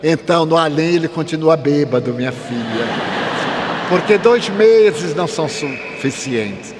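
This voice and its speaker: A man voicing a shrewd, gently teasing old man, in a reverberant hall. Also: fairly high pitch, expressive, a little slow, background noise, voice pushed down. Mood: sly, gentle. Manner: sly, gentle. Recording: reverberant hall, faint ambience.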